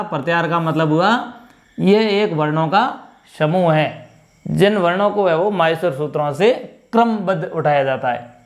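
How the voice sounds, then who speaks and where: A male teacher with a Rajasthani Hindi accent gives a classroom lecture, explaining step by step and slowly repeating sounds for pronunciation. His voice is on the high side.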